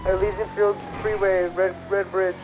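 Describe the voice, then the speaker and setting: A man giving clipped, steady chase updates over a police radio while playing an officer in a roleplay. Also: high-pitched, normal speed, noisy background. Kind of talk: terse radio callouts during a chase.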